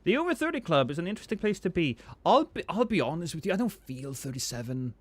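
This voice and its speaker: Talking fast with no echo, a man in his thirties chats casually with viewers on a live stream. He rambles, swears and pokes fun at himself, shifting between loud, excited bursts and low mumbles.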